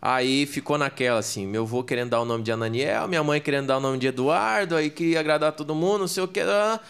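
A man's voice: fairly high pitch, quick pace, gravelly, clean tone. A man casually telling family stories in a chatty, slangy way, acting out the people he quotes. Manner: animated storyteller, slangy, acts out quotes. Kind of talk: casual storytelling chat.

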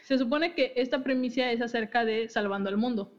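Brisk and fairly high-pitched, a young woman hosts a podcast and casually walks through game lore, giggling frequently and restarting mid-thought in a chatty, self-interrupting manner. The recording sounds dull and lo-fi.

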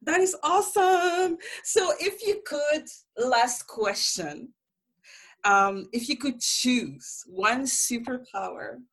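A woman's voice: sits high, expressive, takes it slowly, fairly bright tone, husky, poor audio. A woman from Algeria hosting a podcast interview, enthusiastic and chatty, laughing often. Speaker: podcast host. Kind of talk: casual interview chat.

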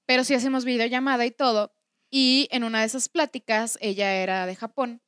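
A woman's voice: a little high, fairly even intonation, a little fast, a bit bright, clean tone, no echo, studio quality. A young adult woman with a Mexican accent, chatting casually as a co-host and acting out stories with lots of laughter. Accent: Mexican Spanish. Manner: chatty, laughs often, acts out quoted dialogue. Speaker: podcast co-host. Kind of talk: casual conversation.

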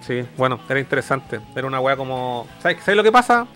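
A man's voice: mid-range voice, very animated, fairly quick, a bit bright, soft background music. A man with a Chilean accent co-hosting a stream in casual chat, slangy and often groping for words with restarts. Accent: Chilean Spanish. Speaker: streamer co-host.

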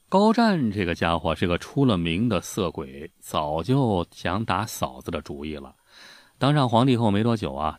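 A man with a very deep voice tells old history in a chatty, folksy way. His pitch swings widely as he talks, and he fills his speech with casual spoken particles. The recording is dry and close to the mic. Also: no echo. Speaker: history storyteller.

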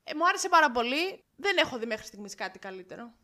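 A woman's voice: fairly high pitch, very animated, sharp tone. A young woman in casual conversation, chatty and insistent as she argues her point. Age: young adult. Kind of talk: casual chat about a series.

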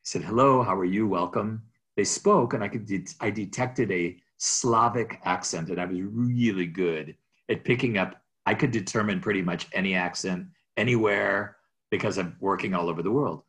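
A man who works as a real estate agent, telling rambling, animated stories about his career in an interview. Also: low-pitched, moderate pace. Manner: rambling, restarts, animated anecdotes. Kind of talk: storytelling in an interview.

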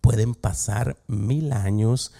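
A man pastor delivering a lively, humorous sermon, acting out quoted voices and joking with the congregation. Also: lowish voice, slow, gravelly.

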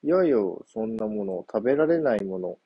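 Small mother crab, firm but trusting, soft husky tone; male narrator voicing her. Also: on the low side, animated, normal speed, dry recording, lo-fi sound.

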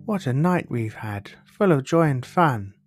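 A man's voice: mid-range voice, lively intonation, a little slow, voice pushed up, close to an everyday voice. A man voicing a playful, happy corgi in a rhyming storybook. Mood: happy, contented. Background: plucked guitar music.

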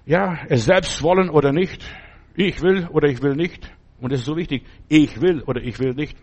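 A man with a fairly high voice delivering a sermon. He preaches emphatically, hammering home points through repetition. He often pauses to check in with the congregation.

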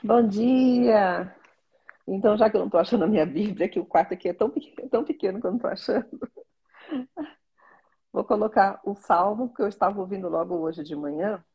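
A pregnant woman in her forties with a Brazilian Portuguese accent, chatting casually in a small bedroom and reading a psalm slowly and earnestly. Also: medium pitch, husky, dull audio. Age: 40s. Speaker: vlogger.

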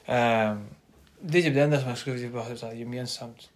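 A man's voice: medium pitch, fairly even intonation. A young man, co-hosting a casual podcast chat and rambling loosely through his stories. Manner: rambling, loose, drops into quoted asides. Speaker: podcast co-host.

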